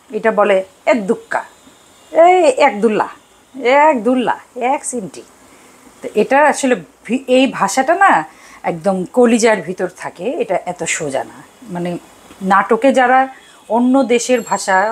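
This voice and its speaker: An older Bangladeshi woman hosts a cooking show from her home kitchen, chatting casually and ramblingly and chuckling often. Her mid-range voice is slightly rough, the recording is low quality, and frying sizzles faintly behind her.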